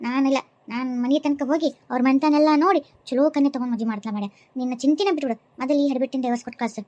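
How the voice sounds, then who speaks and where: A woman doing a shrill scolding mother-in-law. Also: very fast, a little mellow, no echo, muffled recording, close to an everyday voice. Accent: North Karnataka Kannada. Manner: scolding, cursing, wailing.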